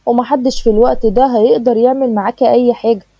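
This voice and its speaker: A woman voicing a gentle, placating young fiancé with an Egyptian accent. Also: a little high, fairly even intonation, quick pace, dry recording. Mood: soothing. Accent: Egyptian Arabic. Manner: soothing, dismissive. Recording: dull dry lo-fi recording.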